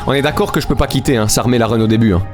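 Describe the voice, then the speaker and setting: A man's voice: mid-range voice, racing. A man streaming a video game, chatting casually and joking with his viewers, laughing often. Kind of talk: casual live-stream commentary. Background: game music.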